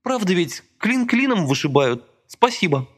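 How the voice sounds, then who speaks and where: A man voicing Lika, a gentle, helpless young woman who speaks softly and pleads. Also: sits high, big pitch swings, unhurried, breathy edge, voice pushed up, exaggerated voice. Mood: meek pleading.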